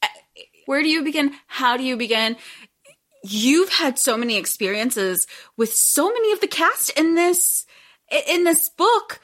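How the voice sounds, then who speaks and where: A woman co-hosting a chatty podcast, her voice bright and forward as she jumps in with quick, excited asides. She is recording away from home, and the room around her gives every word a noticeable echo. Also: high-pitched. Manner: enthusiastic, laughs often, quick asides. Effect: echoey room sound. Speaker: podcast co-host. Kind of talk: casual chat. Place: temporary room while traveling, sounds echoey.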